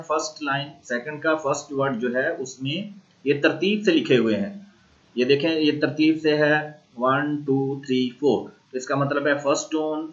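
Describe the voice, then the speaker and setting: A man with a Pakistani accent giving a recorded university lecture, explaining slowly and repeating sounds aloud to model them. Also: a little high, fairly bright tone, lo-fi sound. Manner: slow, repetitive explaining, modeling tones aloud. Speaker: language teacher.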